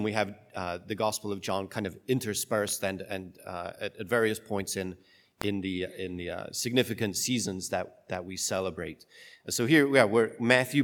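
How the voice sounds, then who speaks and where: A man speaking as a priest in church, reading scripture and preaching, with a cathedral echo around his voice. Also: lowish voice. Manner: halting, searching for words in the homily. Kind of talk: liturgical gospel reading and sermon. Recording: long cathedral-like echo in a large space.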